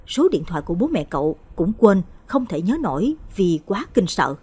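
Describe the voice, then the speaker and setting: A woman narrating a late-night horror story with a husky voice. Her pitch swings widely as she tells it with drama and expression. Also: big pitch swings, normal speed, warm tone.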